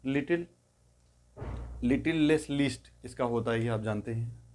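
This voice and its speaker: A man tutoring English grammar in a step-by-step lesson. He is patient and repeats each word form slowly, explaining in Hindi and saying the English forms aloud. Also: mid-range voice, darkish tone.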